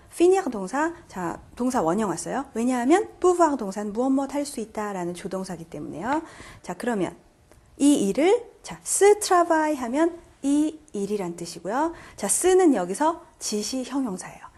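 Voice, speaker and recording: A woman's voice: high voice, dark tone. A woman teaching French grammar in Korean, patiently walking through each step and quizzing her viewers. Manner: patient, repeats "자" to pace steps, quizzes viewers. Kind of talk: classroom grammar lecture.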